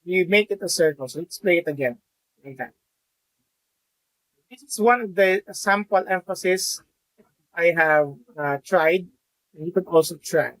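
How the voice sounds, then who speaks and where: Filipino man explaining a software tutorial. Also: high-pitched, measured pace, long pauses, no room sound, rough recording. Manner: explanatory, frequent fillers and restarts, mixes in Tagalog. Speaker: math teacher educator. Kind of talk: screen-recorded software tutorial.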